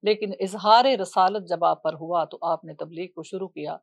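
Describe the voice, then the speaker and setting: A woman telling a religious story off the cuff in a reverent way, pausing often with fillers. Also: fairly low pitch, gravelly, no echo. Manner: reverent, with frequent hesitation fillers.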